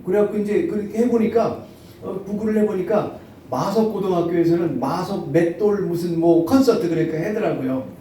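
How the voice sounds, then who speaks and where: Middle-aged pastor with a very mellow voice. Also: male voice, high-pitched, a little hiss or hum. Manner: storytelling, halting with many fillers. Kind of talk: sermon. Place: church sanctuary. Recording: echoey church hall from far off.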